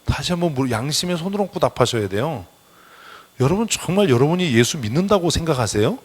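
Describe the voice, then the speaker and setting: A man's voice: a little high, sing-song, fast talker, slightly rough. A male pastor preaching a Sunday sermon in a church, blunt and scolding, calling on the congregation to answer amen. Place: church sanctuary.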